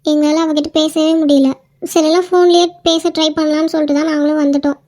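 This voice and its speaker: A performer doing a high anxious cartoon little sister. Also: flat delivery, fast talker, a little mellow, dry recording, studio quality, lightly acted. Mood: worried. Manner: anxious, pleading. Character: young woman, worried pleading younger sister. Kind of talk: cartoon voice acting.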